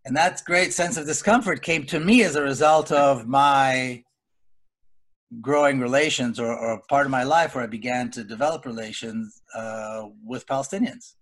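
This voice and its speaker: Middle-aged man on a video call, deliberate and earnest, speaks in halting phrases at an ordinary pitch. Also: a bit bright. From Israel. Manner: deliberate, earnest, with frequent pauses and restarts. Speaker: panelist. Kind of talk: personal account in a webinar discussion.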